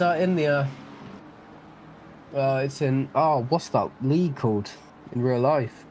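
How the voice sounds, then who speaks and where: A young man with a Welsh accent talks casually through a live stream of a sim race, rambling and often restarting his sentences. His voice sits at a middle pitch. Clear engine noise runs under it. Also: a little mellow. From Wales. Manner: chatty and self-deprecating, often restarting sentences. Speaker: sim racing stream commentator.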